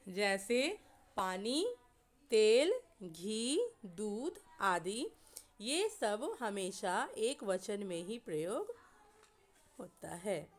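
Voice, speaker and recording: A woman with a bright, clear voice and a fairly high pitch gives a grammar lesson very slowly. She sets out her examples word by word and puts questions to her listeners before she answers them herself. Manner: slow and deliberate, lists examples one word at a time, asks questions and answers them. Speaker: Hindi grammar teacher. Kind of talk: slow explanatory classroom lesson.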